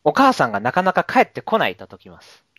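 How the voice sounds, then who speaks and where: A man's voice: on the high side, huge pitch swings, fast talker, bright, forceful tone, dry recording, clean studio sound. A man co-hosting a show in casual, polite comedic banter, teasing and laughing often. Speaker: radio show co-host.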